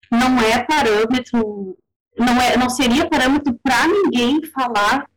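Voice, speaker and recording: A woman, speaking as a panelist in a casual discussion, measured and thoughtful with frequent hesitations. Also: fairly high pitch, poor audio.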